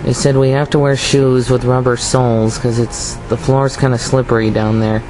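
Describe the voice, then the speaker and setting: A man's voice: mid-range voice, level tone, moderate pace, music in the background, poor audio. A man chatting casually and idly as he films his visit in a gift shop. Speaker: vlogger on a tour. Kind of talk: casual vlog chat, filming a visit.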